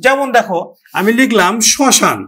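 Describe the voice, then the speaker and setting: A man teaching a pronunciation lesson, talking directly to students and repeating example words slowly. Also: sits high, fairly bright tone. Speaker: Bengali language teacher. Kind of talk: classroom-style grammar lesson.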